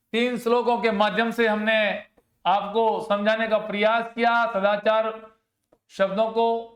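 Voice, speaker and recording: High-voiced male teacher in an echoey room. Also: a bit bright. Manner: repeats points and asks the children questions, then answers them. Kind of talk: classroom lesson explaining Sanskrit verses in Hindi.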